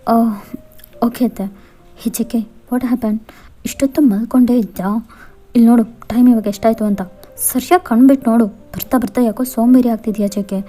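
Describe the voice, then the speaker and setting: Woman playing a hushed, earnest young fiancée. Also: fairly high pitch, fairly even intonation, moderate pace, faint music behind, close to an everyday voice. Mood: teasing. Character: young woman, dead fiancée, calm and urgent. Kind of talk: Kannada fan-fiction voiceover.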